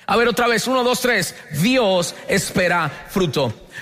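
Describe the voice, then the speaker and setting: Colombian pastor guy preaching, high voice, really bright and sharp, gets the church to repeat after him. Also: unhurried, faint music behind. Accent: Colombian Spanish. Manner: animated preaching, calls on the congregation to repeat lines. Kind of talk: sermon.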